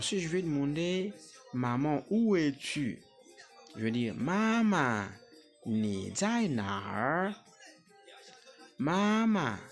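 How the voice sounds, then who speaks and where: Male language teacher, unhurried and patient, drills pronunciation by repetition, mid-range voice. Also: mid-range voice. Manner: slow, patient, repeats words for pronunciation drills. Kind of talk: language lesson.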